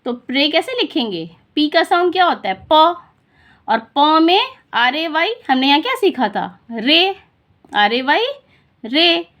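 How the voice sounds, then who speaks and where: A woman teaching children to read, slowly and patiently, repeating sounds and asking questions. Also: high-pitched, big pitch swings, fairly bright tone. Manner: slow, patient, repeats and quizzes the listener. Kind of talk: phonics lesson for children.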